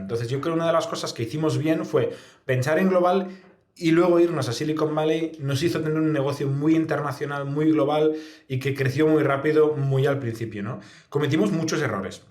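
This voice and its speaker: A startup founder with an accent from Spain appears as a guest in a conversational interview, giving reflective, explanatory answers and frequently adding little tag questions. His male voice is mid-range and a little mellow. The room sound is echoey and reverberant.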